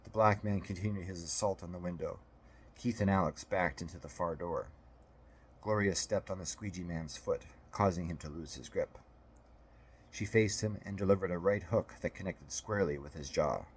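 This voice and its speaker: Low-voiced man narrating a story. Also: moderate pace, breathy edge. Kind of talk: audiobook narration.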